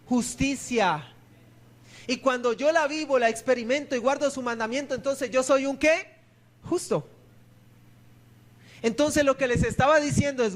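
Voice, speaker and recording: A pastor with a strikingly high voice preaches to his church. He keeps tossing questions at the congregation and then answering them himself. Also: a bit bright. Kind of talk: sermon.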